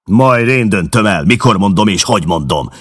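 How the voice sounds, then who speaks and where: Male reader doing a hostile young hothead, snarling, husky and lively. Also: on the low side, pitched above the performer's own voice. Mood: furious. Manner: snarling, furious. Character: hot-tempered, hostile young man.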